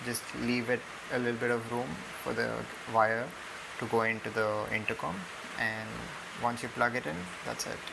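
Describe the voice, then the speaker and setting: This product reviewer, a young man with an Indian accent, narrates an unboxing and tutorial indoors on a room floor, speaking at normal speed in a medium pitch. He's casual and hesitant with lots of ums, his voice very even and creakily fried. A clear constant hiss runs through the homemade audio.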